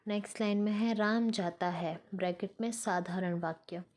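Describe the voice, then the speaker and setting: A woman teacher reading out Hindi grammar sentences and explaining them slowly, with English words mixed in. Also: mid-range voice, steady tone, a little mellow. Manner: slow, careful dictation of each sentence, mixing in English words.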